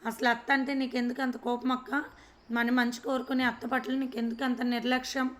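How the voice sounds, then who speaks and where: A woman voicing a younger sister defending a relative, in a flat, fairly high voice. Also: fairly quick, lightly acted. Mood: defensive.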